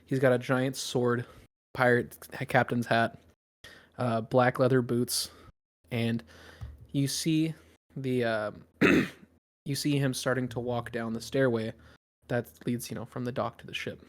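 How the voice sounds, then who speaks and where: A man's voice: mid-range voice, level tone, unhurried, pauses often. A man narrating a tabletop game casually, with many fillers. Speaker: game master.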